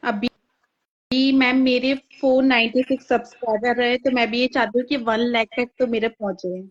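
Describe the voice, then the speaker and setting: An eager woman speaks up as a guest on a live chat. Her voice is slightly high, and the audio is dull and lo-fi. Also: fairly even intonation, normal speed. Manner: eager, mixes English words into Hindi. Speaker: viewer guest.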